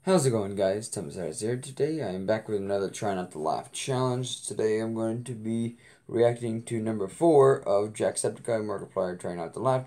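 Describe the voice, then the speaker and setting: A man hosting a reaction video, talking casually and hesitantly with many pauses and fillers. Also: fairly low pitch, warm tone. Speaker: host of a reaction channel.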